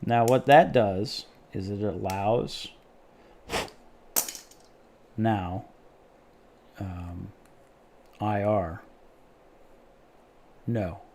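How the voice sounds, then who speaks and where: A man streaming live tinkers with a homemade project while casually joking and rambling to his viewers. His somewhat low, slightly mellow voice is very slow with long pauses, over a little hiss or hum.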